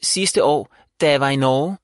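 A man's voice: mid-range voice, smooth, no echo, voice pushed up, lightly acted. A man voicing a chatty young village girl who likes to tell tall tales, in a children's audiobook. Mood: eager. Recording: dry close voice.

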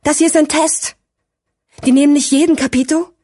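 A woman's voice: high-pitched, big pitch swings, fairly quick, dry recording, studio quality, voice pushed up. A woman voicing a hot-headed fourteen-year-old boy gangster in an audiobook, snapping and bossy. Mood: angry. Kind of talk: audiobook character voice.

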